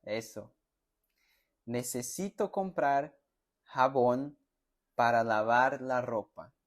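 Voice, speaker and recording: Slow, deliberate male Spanish teacher. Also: medium pitch. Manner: slow, deliberate, sounds out words and syllables for repetition; friendly, addresses students directly with check-in questions. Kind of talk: pronunciation lesson for learners.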